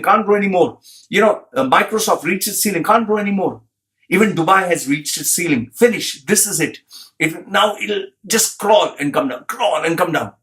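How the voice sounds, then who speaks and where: A man's voice: high-pitched, fairly bright tone. A man giving a blunt, profane commentary, repeating phrases for emphasis and reading out an article.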